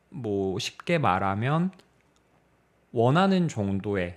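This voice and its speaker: A young man co-hosts a talk podcast, casually discussing literature and reasoning aloud in a thoughtful, measured way. His voice sits in an ordinary middle register, his pitch moves a lot as he makes points, and he often pauses with filler sounds to find words.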